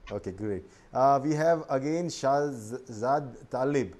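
A man's voice: medium pitch, takes it slowly, darkish tone. A man hosting a video-call interview, reading out viewer questions with joking asides. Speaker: host. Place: indoor room with bookshelves.

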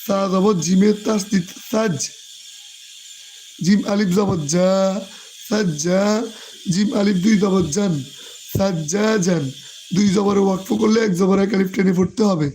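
A hoarse Quran teacher who drills the reading syllable by syllable and explains tajweed rules. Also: medium pitch, fairly even intonation, measured pace, dark tone, a little hiss or hum. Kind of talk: slow Quran reading lesson, spelling out letters and vowels.

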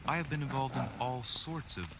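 A man's voice: medium pitch, a little fast, close to an everyday voice. An actor playing a young male investigator in a game, earnest and slightly anxious. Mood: storytelling. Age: young adult. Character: young male investigator Louis, nervous yet clever. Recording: noisy game audio.

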